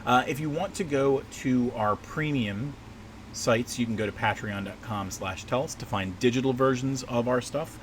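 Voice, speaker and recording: An air conditioner hums steadily as a man hosts a relaxed livestream from his small home desk, chatting while he makes maps. His voice is mid-range and slightly scratchy at a moderate pace, and his talk rambles with frequent fillers and restarts.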